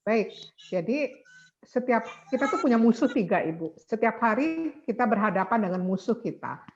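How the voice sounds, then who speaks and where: Give me a woman teacher whose call audio keeps cutting out, earnest and exhorting, with a fairly high voice. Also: lively intonation, normal speed, darkish tone. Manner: earnest, exhorting, repeats key points. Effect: call audio breaking up and dropping out. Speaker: Islamic religious teacher. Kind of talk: religious teaching over an online call. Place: remote mountain location. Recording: choppy lo-fi call line with faint noise.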